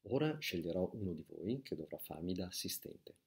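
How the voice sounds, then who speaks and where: A man voicing an excitable boy who plays a showy stage magician, announcing everything with theatrical flair. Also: low-pitched, moderate pace, gravelly, breathy edge, full character voice. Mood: showy, excited.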